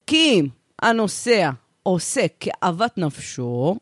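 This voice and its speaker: Brash, streetwise lady bus driver, played by a man, high voice, swaggering slangy delivery, comic banter, dry close sound. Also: big pitch swings, fairly bright tone, no room sound, exaggerated voice. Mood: boastful, animated. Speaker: bus driver character in comedic chat. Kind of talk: improvised comic character banter.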